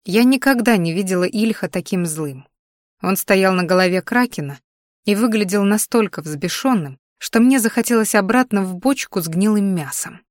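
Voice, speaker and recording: A woman's voice: medium pitch, normal speed, no room sound, studio quality. Woman narrating a dramatic fantasy audiobook. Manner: expressive, dramatic reading.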